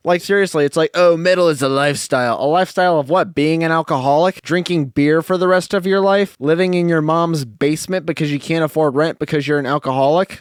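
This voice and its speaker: A young man tears into his targets with mocking sarcasm, and he slips into silly put-on voices now and then. His voice sits a touch high for a man. The sound is dry and close, with no room echo. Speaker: comedic music reviewer. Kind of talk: comedy rant, roasting genres.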